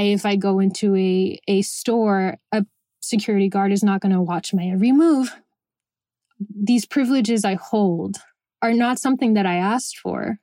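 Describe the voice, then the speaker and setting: A woman's voice: mid-range voice, warm tone, no room sound, studio quality. A young adult woman from Venezuela, raised in Miami, speaking reflectively as a bookstore founder and dropping Spanish words into her English. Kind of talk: personal interview testimony.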